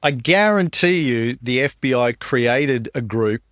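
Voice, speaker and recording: A man hosts a casual chat show, bantering and cutting in with quips. His voice sits at an ordinary middle pitch. The sound is close and dry, with no room around it. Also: expressive, unhurried, a bit bright, dry recording. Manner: joking, talks over his co-host. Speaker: podcast host.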